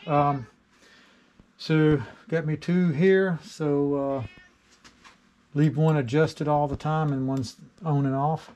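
Slow and steady, with long pauses, this middle-aged maker's voice is a little high and a little mellow. He talks through his homemade build in a casual, plainspoken workshop how-to, heavy on fillers, in a cluttered home workshop.

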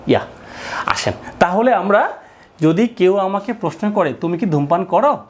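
Lively male English teacher drilling a class. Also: high voice, normal speed. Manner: drills phrases, asks the class to repeat. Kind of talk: classroom lesson.

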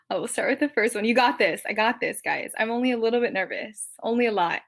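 A woman's voice: on the high side, brisk, gravelly. A woman in her twenties chatting casually on a livestream in a bubbly, self-mocking Gen Z manner, sprinkled with "like", on a webcam in a bedroom. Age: 20s. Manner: bubbly young Gen Z talk, giggly, self-mocking, full of "like". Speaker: TikTok creator and actor hosting a livestream. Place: small bedroom, indoors.

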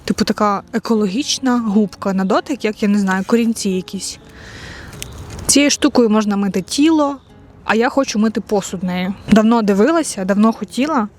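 A woman's voice: mid-range voice, fairly quick, a little mellow, faint music behind. A young woman from Ukraine, chatting playfully to the camera in a casual vlog as she walks outdoors and cooks at home. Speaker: vlogger. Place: outdoors in a park, then at home.

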